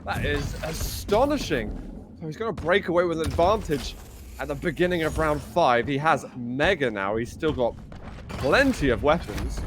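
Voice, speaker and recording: A man with a somewhat high voice works as an esports caster, calling the game live. His play-by-play is excitable and exclamatory. Clear noise sits behind his voice. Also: moderate pace.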